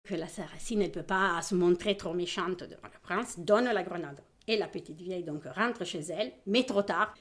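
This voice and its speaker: A woman telling a folk tale aloud in a casual, hesitant way, with many fillers and acted-out voices. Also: mid-range voice. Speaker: storyteller.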